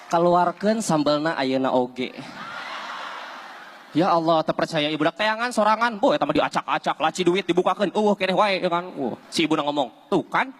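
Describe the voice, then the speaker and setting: Lively stand-up comedian. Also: male voice, on the high side, quick pace, hardly any pauses, big-room sound, a faint crowd. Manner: lively, teasing, audience-addressing. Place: stage before a live audience.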